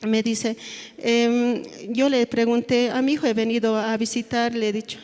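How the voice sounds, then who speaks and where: A middle-aged woman gives an earnest, halting personal testimony in a church service, often ending phrases with a questioning tag. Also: fairly high pitch, level tone, a little mellow, clean tone. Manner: halting, earnest, tags lines with "¿no?" and "así". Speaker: church member giving testimony. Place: church hall. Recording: long hall reverb.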